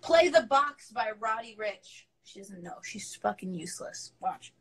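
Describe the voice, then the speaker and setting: Speaking in a sing-song, measured way, a woman in her twenties with a slightly rough mid-range voice chats offhandedly on a phone livestream from her apartment room. She curses, laughs in asides, and sounds stuffed up, with the phone at arm's length and poor audio.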